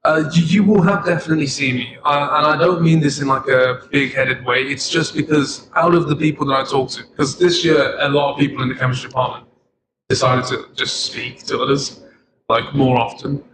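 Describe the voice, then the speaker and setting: A man's voice: mid-range voice, steady tone, brisk. Rambling young man, noisy recording. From Sri Lanka. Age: young adult. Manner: rambling, laughs often. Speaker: podcast co-host, chemistry student. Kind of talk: casual chat.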